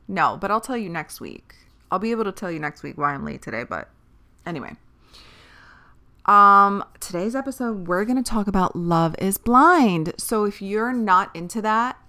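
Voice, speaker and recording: A woman's voice: medium pitch, sharp tone. A woman hosting a podcast solo, chatting casually in a rambling, candid way with the odd swear word. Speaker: podcast host.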